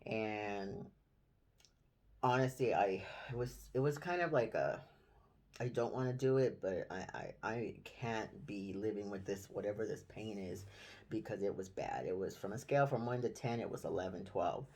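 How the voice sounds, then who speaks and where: Man, lowish voice, halting and rambling, phone-recorded indoor vlog. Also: a little mellow. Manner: halting, rambling, many restarts. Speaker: vlogger. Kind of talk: casual personal storytelling. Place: indoor room.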